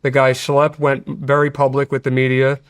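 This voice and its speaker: A man's voice: medium pitch, completely flat delivery, moderate pace, no echo. A man, a guest in an interview, explaining at length in an earnest way, often restarting his sentences. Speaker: guest, hacker. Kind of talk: interview conversation. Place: studio.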